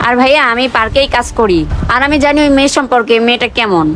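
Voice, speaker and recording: A woman's voice: fairly high pitch, fast talker, fairly bright tone, soft background music, lightly acted. A woman playing an honest young park worker who confides the truth earnestly.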